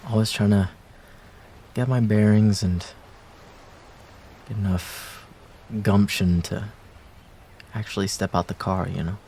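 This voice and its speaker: Again voicing the wistful young ex-boyfriend in an intimate audio drama, the man speaks with fairly low pitch, a steady, darkish tone, and slight background noise. His delivery is casual and hesitant, full of pauses and phrases that trail off.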